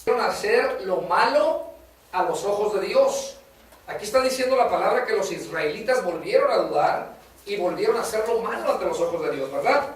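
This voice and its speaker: A man's voice: sits high, lively intonation, moderate pace. A man preaching a sermon in a casual way, often calling the listener "brother" and asking "right?". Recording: echoey room, voice from a distance.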